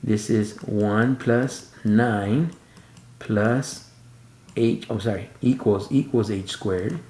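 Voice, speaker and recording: A man's voice: on the low side, takes it slowly, mellow, echoey room. A man teaching a screen-recorded math tutorial, thinking aloud step by step and correcting himself as he goes.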